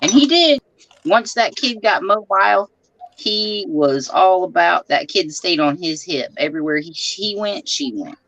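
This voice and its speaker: A woman's voice: lowish voice, expressive, measured pace, a bit bright, no echo, low-quality recording. A middle-aged woman chatting casually and telling down-to-earth family stories. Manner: storytelling, down-to-earth. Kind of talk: casual chat.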